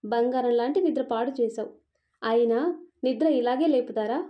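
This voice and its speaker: A woman's voice: a little high, normal speed, lightly acted. A woman doing a cheeky sleepy young bride. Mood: sassy. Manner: sassy, retorting. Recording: dull lo-fi recording.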